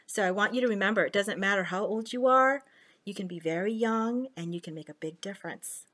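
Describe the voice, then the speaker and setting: A middle-aged woman hosting a children's story time, reading aloud in a deliberate storytelling manner. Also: medium pitch, a bit bright.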